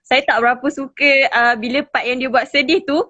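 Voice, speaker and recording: Young female caller, high voice, hesitant and thoughtful, muffled video-call sound. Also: steady tone, brisk, sharp tone, dry recording. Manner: hesitant, thoughtful, many fillers. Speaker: caller giving feedback. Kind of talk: casual call-in comments. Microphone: video call on a phone. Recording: dull call audio.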